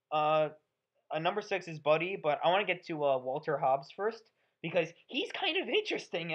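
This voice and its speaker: Woman vlogger doing a profane sarcastic movie rant, kinda muffled lo-fi audio. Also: lowish voice. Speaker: movie reviewer. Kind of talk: ranting movie review. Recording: dull lo-fi audio.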